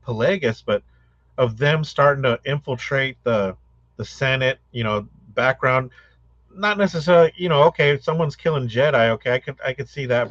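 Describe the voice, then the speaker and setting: A man's voice: medium pitch, a bit bright, dry recording, muffled recording. A man co-hosting a podcast, raising questions in casual, chatty talk. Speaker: podcast co-host.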